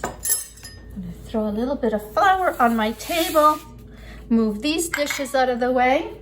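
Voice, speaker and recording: In a high, animated voice that moves a little slowly, a woman walks through a casual cooking demonstration, narrating each step as she uses her hands. She's indoors at a work table, and clear kitchen background noise accompanies her.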